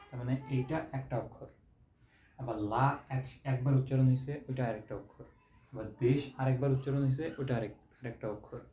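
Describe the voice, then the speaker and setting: A man's voice: medium pitch, warm tone. A young man from Bangladesh, teaching an exam-prep lesson patiently, repeating and drawing out syllables to show them. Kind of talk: online exam-prep lecture. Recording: dull roomy home recording with faint hiss.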